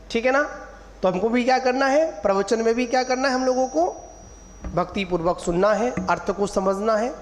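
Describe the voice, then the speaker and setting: A man, a monk, giving a sermon to an assembly, drawing out syllables to teach pronunciation and quizzing his listeners. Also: high-pitched. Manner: teacherly, drawing out syllables to model pronunciation, asks the audience questions. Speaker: Jain monk preacher. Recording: long hall reverb, faint room ambience.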